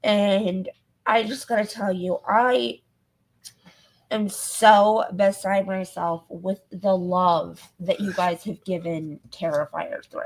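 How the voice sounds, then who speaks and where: A woman co-hosting a podcast in casual chat, her voice going hoarse, talking with many ums and likes. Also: medium pitch, fairly even intonation, takes it slowly, rough recording. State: losing her voice. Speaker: podcast co-host.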